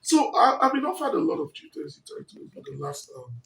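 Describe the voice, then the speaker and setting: An extremely high, gravelly, fairly bright voice belongs to a middle-aged man with a Nigerian English accent, who speaks a little fast with big pitch swings. Interviewed on a living room sofa via a handheld mic, he narrates his life story expansively and emphatically, using many fillers. Slight background noise accompanies a roomy, slightly distant recording.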